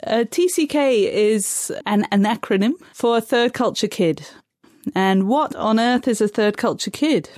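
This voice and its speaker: Woman guest expert, methodical and calm, dry close recording. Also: a little high, measured pace, no room sound. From Tanzania. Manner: calm, methodical, defines terms step by step. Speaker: guest expert on third culture kids. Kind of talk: measured explanatory interview answers.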